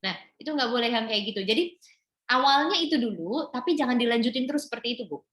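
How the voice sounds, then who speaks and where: A woman's voice: fairly high pitch, fast. Woman doctor explaining on a call, echoey. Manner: patient, explanatory, demonstrates animated reading voice. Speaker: pediatrician. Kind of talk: webinar talk advising parents. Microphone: video call. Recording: echoey room.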